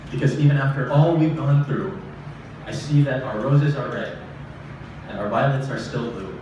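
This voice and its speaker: A young adult man performs spoken-word poetry on the stage of a small live open-mic venue, his voice on the high side. A stage microphone catches him from a distance, and the live room is very echoey and noisy.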